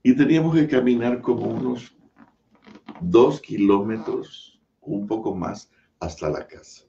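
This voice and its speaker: Pastor, male, deep mellow voice, slow earnest sermon storytelling, dull distant recording. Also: creaky.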